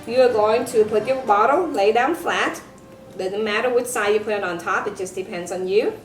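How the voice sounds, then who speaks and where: With a higher voice, an elementary science teacher demonstrates a craft for kids one step at a time. The space is roomy and echoey, with music in the background and slight noise.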